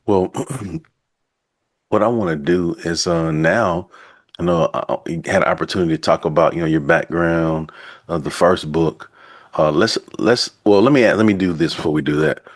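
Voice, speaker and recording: Deep voiced guy hosting a chill interview, kinda rambly, lots of you knows. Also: moderate pace. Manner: loose and rambling, many fillers. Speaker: podcast host. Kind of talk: casual interview chat.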